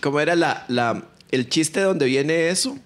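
A man's voice: on the high side, animated, a little slow, slight background noise. A man, a comedian chatting casually with friends, joking around and interjecting. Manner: joking, mimics voices, interjects. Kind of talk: casual chat among friends.

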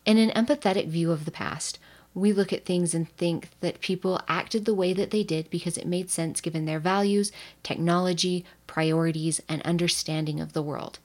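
A woman's voice: on the low side, fairly even intonation, moderate pace, darkish tone. A woman who is a history teacher, giving a scripted educational narration with playful, jokey asides.

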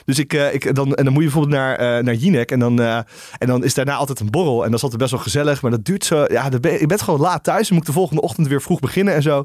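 A man's voice: medium pitch, rapid-fire, a little mellow, dry recording, clean studio sound. A man speaking as a podcast guest in casual chat, hesitant with many restarts. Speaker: podcast guest, tech journalist.

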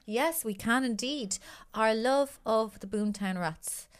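A woman's voice: fairly high pitch, slow. Teasing woman in her thirties. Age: 30s. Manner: dry teasing banter, laughs often. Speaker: comedian co-host. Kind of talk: casual comedic chat.

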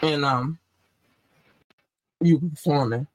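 A man's voice: fairly high pitch, slow pace, poor audio. A man hosting a casual interview, talking loosely with frequent laughs and swearing. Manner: excitable, swears freely, laughs often. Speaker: host.

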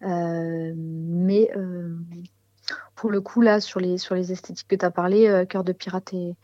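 A woman's voice: fairly low pitch, flat delivery, a little slow, warm tone, no room sound, lo-fi sound. A woman answering as a musician in a casual interview, hesitantly searching for words.

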